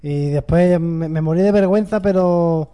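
A man from co-hosting a podcast, telling a story in a relaxed, chatty way and quoting what people said. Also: a little high, moderate pace, clear, resonant tone. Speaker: podcast co-host. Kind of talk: casual chat, storytelling.

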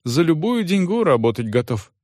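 A man's voice: fairly high pitch, very animated, normal speed, darkish tone, dry recording, clean studio sound, pitched above the performer's own voice. A man voicing a simple, chatty peasant servant who talks in a folksy, rambling singsong. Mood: gossipy. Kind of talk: audiobook character voice.

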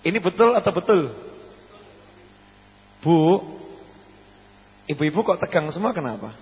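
A man preaching to a congregation, swinging from pleading cries to quiet asides and questioning his listeners. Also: fairly high pitch, very animated, a little slow. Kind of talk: sermon to a live congregation. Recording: muffled sound in a large echoing hall.

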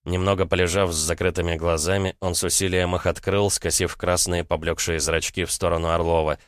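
Deep-voiced male audiobook narrator. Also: flat delivery, brisk, smooth, no echo, clean studio sound. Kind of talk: scripted narration.

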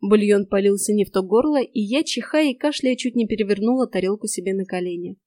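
A woman narrating an audiobook in the first person, in a lively, wry storytelling manner. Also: mid-range voice, fast, no room sound.

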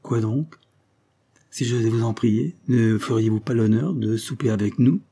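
A man voicing a big, hearty revolutionary leader in an audiobook, with a booming, overbearing voice. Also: moderate pace, mellow, natural voice. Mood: boisterous. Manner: hearty, overbearing, tipsy bonhomie. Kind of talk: audiobook character voice.

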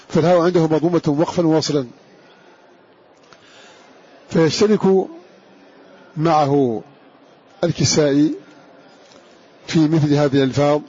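A man giving a religious lesson on Quran readings, quoting lines of verse and reciting examples slowly and carefully. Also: on the high side, warm tone, husky, muffled recording.

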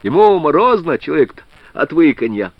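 A man voicing an excitable old Siberian village man who talks in rustic, folksy speech and shouts his words out. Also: on the high side, normal speed, no room sound, pitched above the performer's own voice. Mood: cheerful. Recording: dry, slightly dull studio reading.

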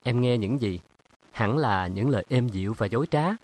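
A man's voice: mid-range voice, moderate pace, a little mellow, lightly acted. A man voicing a jealous young man in an audiobook, pressing with accusing questions. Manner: pressing, accusatory, then pleading. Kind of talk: audiobook character reading.

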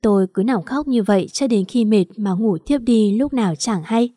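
A woman narrating a first-person family drama story in an even reading voice. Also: on the high side, moderate pace, no room sound, clean studio sound.

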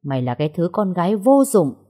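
A woman's voice: fairly low pitch, animated, normal speed, slightly rough. A woman voicing a furious older official father. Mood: furious scolding. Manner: shouting, scolding harshly. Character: furious older male vice chairman, domineering father.

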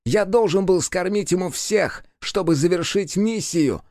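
Shrieking hysterical demon. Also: male voice, on the high side, moderate pace, vocal fry, a little mellow, dry recording, studio quality, pitched above the performer's own voice. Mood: frenzied. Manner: shrieking, wailing, near tears. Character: hysterical raging male demon, vengeful and anguished. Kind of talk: audiobook character voice.

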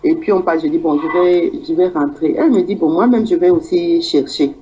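A woman's voice: on the low side, brisk, dark tone, lo-fi sound. A woman with a Cameroonian French accent, telling her personal story in a rambling way and acting out the dialogue she quotes. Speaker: guest. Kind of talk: personal testimony in conversation.

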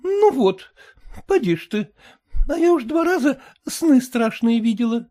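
A reader voicing a fussy, fretful middle-aged merchant's wife who scolds in a shrill, raised voice. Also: female voice, sing-song, a little slow, warm tone.

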